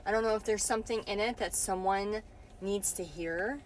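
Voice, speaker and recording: A woman's voice: medium pitch, normal speed, a little hiss or hum. A woman casually recounting a dream in a hesitant way, searching for words and often saying "like". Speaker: vlogger.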